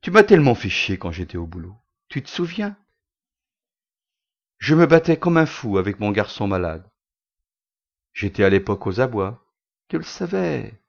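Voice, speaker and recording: A man's voice: medium pitch, creaky, pitched above the performer's own voice. A man voicing a bitter, vengeful man who speaks sarcastically to his old boss's grave. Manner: sarcastic, spiteful. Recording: dull lo-fi recording.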